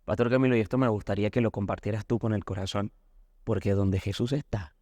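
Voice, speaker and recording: A man's voice: fairly low pitch, fairly even intonation, quick pace, a little mellow, dry recording, studio quality. A man with a Colombian accent, a pastor earnestly explaining a Bible lesson in a recorded discussion. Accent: Colombian Spanish. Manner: earnest teaching, acts out anecdotes.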